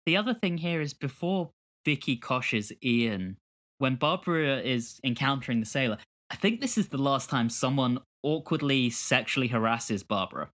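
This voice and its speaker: Podcast co-host, male, mid-pitch, animated and chatty. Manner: animated ranting, quick laughs. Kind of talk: casual chat.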